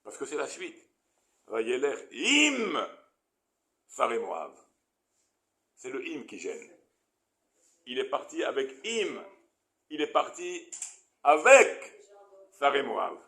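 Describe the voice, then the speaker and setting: A man teaching a Torah lesson as a rabbi, animated and questioning his audience, with many Hebrew terms. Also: medium pitch, slow pace, vocal fry, pauses often.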